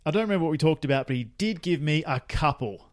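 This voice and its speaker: A man's voice: on the high side, expressive, fast, dry recording. A young Australian man co-hosting a podcast, telling casual anecdotes with self-corrections and laughs. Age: young adult. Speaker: podcast co-host. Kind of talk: casual chat, storytelling.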